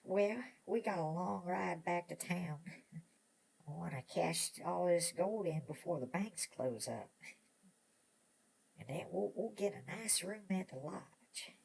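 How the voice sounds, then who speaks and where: An actor playing an excitable, chatty old prospector with an American Old West drawl, stammering and rambling in a Western audio drama. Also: male voice, sits high, slow pace, creaky, full character voice. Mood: eager, rambling. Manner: rambling, stammering, repeats words, chuckling old prospector talk.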